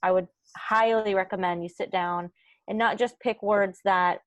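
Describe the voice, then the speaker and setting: Woman interview guest, mid-pitch, friendly, pauses often. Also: fairly even intonation, dry recording. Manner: upbeat, thinking aloud with many "um"s. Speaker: podcast co-founder guest. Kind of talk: casual interview chat.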